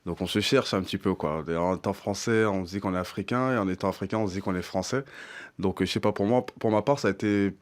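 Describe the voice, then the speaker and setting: A man from France, a chef and entrepreneur, talks casually as a radio guest. His voice is very deep, and he rattles his answers off quickly. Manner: quick, casual, says "ouais" often. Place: radio studio.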